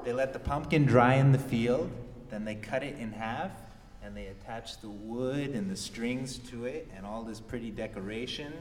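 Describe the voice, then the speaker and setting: A man's voice: mid-range voice, normal speed. A man showing a class of children the sitar, explaining it patiently and asking them questions. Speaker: sitar player teaching children. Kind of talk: classroom music demonstration. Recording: echoey hall. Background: sitar playing.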